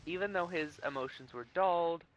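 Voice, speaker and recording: A man's voice: a little high, fairly quick, a little hiss or hum, poor audio. A man giving casual, enthusiastic commentary while he streams a video game, chatty and sometimes swearing.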